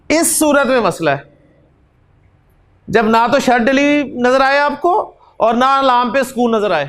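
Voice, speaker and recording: A man's voice: extremely high pitch, fairly bright tone. A man, teaching a beginners' Arabic lecture, repeating examples and quizzing his students. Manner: slow, repeats examples, drills students with questions. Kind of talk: classroom lecture.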